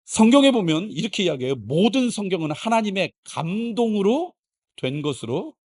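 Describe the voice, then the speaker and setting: A man's voice: high-pitched, big pitch swings, moderate pace, darkish tone. A middle-aged male pastor preaching a revival sermon in a church, talking conversationally, acting out quoted prayers and small dialogues, and asking the congregation questions. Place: church sanctuary.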